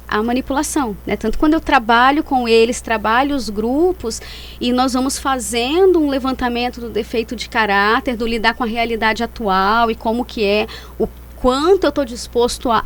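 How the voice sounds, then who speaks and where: A woman's voice: on the high side, a little hiss or hum. A woman speaking as a psychologist guest in an interview, explaining things and rephrasing as she goes.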